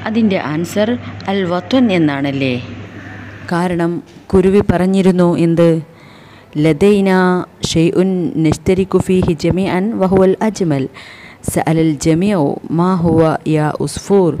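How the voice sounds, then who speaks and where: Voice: medium pitch, slow, long pauses, mellow, slight background noise. A teacher giving an online class, reading short text lines aloud and translating them phrase by phrase. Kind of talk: online class explaining a textbook lesson.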